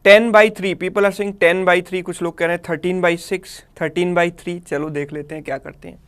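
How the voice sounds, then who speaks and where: A man's voice: high voice, steady tone, moderate pace, fairly bright tone, clear, resonant tone. A man teaching a live online math class in Hindi mixed with English in an Indian accent, explaining step by step and checking in with students.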